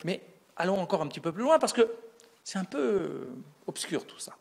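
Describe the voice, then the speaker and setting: Male teacher, high-pitched voice, explanatory lecture delivery with rhetorical questions. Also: sing-song, normal speed, gravelly. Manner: asks rhetorical questions and answers them himself; explanatory, building an argument step by step. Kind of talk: recorded lecture.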